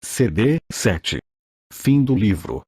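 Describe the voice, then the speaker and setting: Audiobook narrator: synthetic man's voice in old text-to-speech style, impersonal, husky, recorded very dry. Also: on the low side, sing-song, takes it slowly, darkish tone, dry recording. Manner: mechanical, impersonal reading. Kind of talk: scripted audiobook narration, read aloud.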